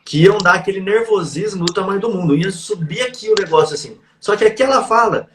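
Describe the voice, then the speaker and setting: A man with a Brazilian Portuguese accent, hosting a podcast conversation about legal practice. He talks fast, with a voice pitched fairly high. The sound carries a noticeable roomy echo. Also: a little hiss or hum. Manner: quick, anecdotal, practical. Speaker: podcast host, criminal lawyer.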